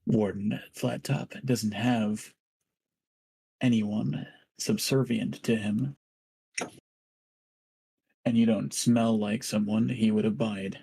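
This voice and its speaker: Menacing bird creature voiced by a man for a tabletop game: low, gravelly, imperious, proud. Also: steady tone, takes it slowly, pauses often, dark tone, heavily acted. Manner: imperious, confrontational.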